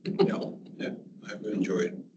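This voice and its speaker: A middle-aged man chatting casually, relaxed, often trailing off. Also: deep voice, slow pace, dull audio, a little hiss or hum. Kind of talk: casual chat.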